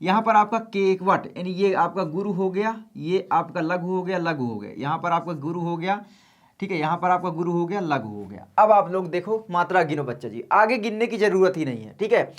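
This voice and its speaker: Male tutor, calm and unhurried, soft-spoken, repeats key points for students. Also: high voice. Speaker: teacher. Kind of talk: exam-prep lesson.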